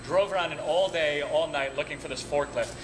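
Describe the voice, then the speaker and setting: A man working as a tour guide tells a group funny, casual stories in colloquial speech, chuckling at his own anecdotes. His voice is fairly high and fairly quick, and the room is noisy with background music at times.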